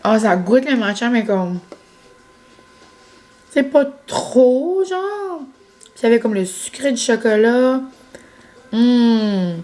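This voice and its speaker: A woman's voice: fairly high pitch, animated, slow pace, pauses often, warm tone. A young woman chatting casually to her vlog audience, with many fillers and English words. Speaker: vlogger. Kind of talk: casual vlog chat to camera.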